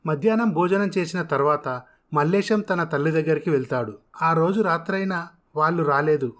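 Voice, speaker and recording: A man narrating a family story in a steady, even storytelling manner. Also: on the high side, normal speed.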